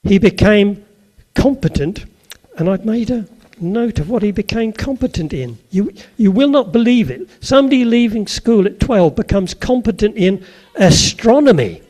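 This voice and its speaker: Preaching an anecdotal sermon before a live audience, an older man from Suffolk, England, speaks in a Suffolk English accent with a high, slightly mellow voice and lively intonation. He keeps a moderate pace with few pauses, chatting, quizzing his listeners, and slipping in jokes.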